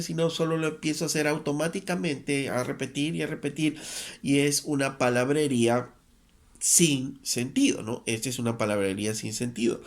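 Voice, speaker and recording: A male pastor delivers a sermon in a slightly high voice with a gravelly edge. He reads scripture passages aloud and acts out hurried, mechanical prayers to show what to avoid.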